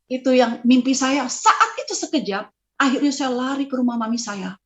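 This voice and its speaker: A woman's voice: high-pitched, animated, moderate pace, fairly bright tone. A middle-aged woman giving a personal testimony, telling her story with strong feeling, her voice at times rising and breaking. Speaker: testimony speaker. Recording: slightly dull lo-fi sound.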